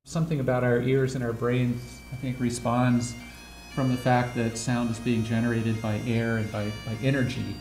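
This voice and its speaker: A man's voice: mid-range voice, flat delivery, moderate pace, few pauses. A man musing reflectively, with some hesitation. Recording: roomy with music.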